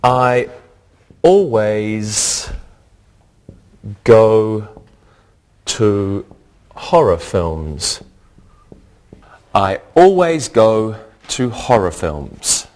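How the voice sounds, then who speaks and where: A man teaching a scripted English lesson, speaking deliberately and repeating each word for learners. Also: lowish voice, big pitch swings, darkish tone.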